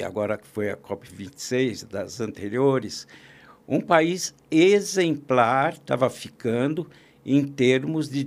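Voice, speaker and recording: This man has a mid-range voice with vocal fry. He's a columnist and agribusiness consultant appearing as a podcast guest, talking politics casually and with plenty of opinions, chatty and prone to fillers and frequent sentence restarts.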